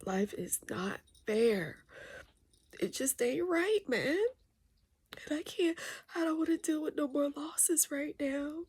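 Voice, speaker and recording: A middle-aged woman venting through tears, speaking softly in a halting, mostly whispered voice and sniffling. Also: high voice, no room sound. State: tearful and sniffling. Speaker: vlogger venting. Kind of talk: tearful personal vent monologue.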